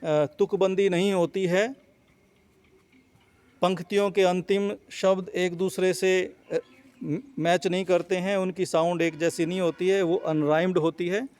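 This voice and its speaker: High-voiced man teaching poetry slowly. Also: level tone, darkish tone, clear, resonant tone. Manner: reads English lines slowly, then explains in Hindi; repeats and rephrases points with fillers. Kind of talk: explanatory lecture.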